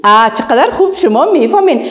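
A woman's voice: high-pitched, sing-song. A woman with an Afghan Dari accent teaching the alphabet to young children, stretching out model words and praising often. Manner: sing-song, drawn-out model words, praising.

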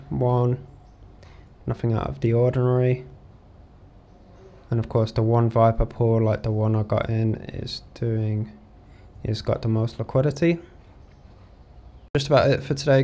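Male tutorial host with a relaxed, mellow voice; casual and rambling, plenty of fillers. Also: mid-range voice. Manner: chatty, rambling, many ums and restarts. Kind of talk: casual screen-share walkthrough.

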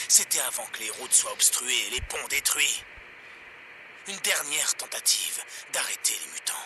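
A man voicing a defiant conspiracy radio host, speaking in a preachy manner over a pirate radio broadcast. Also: medium pitch. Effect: pirate radio broadcast over the air. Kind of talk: scripted radio monologue. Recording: noisy radio transmission with static.

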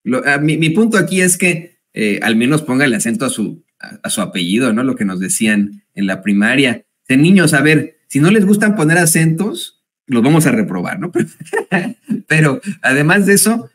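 A man's voice: medium pitch, sing-song, normal speed, a bit bright. A Mexican-accented man hosts a commentary show with a mid-range voice. He reads the news aloud and breaks in with sarcastic, chatty remarks. His speech is full of hesitations. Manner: frequent hesitations and laughs. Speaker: host.

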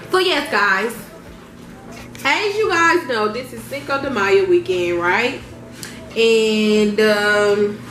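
A woman vlogging as she cooks, chatting casually and straight to her viewers. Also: medium pitch. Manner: chatty, talks straight to viewers while cooking. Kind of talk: casual cooking vlog. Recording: loud music behind her voice. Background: music.

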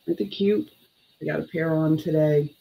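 A woman's voice: low-pitched, fairly even intonation, moderate pace, vocal fry, dark tone, breathy edge, low-quality recording. A middle-aged woman chatting casually and unhurriedly as she sells items on a live online sale, sometimes muttering counts to herself. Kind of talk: casual live selling chat. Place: indoor room with clothes racks.

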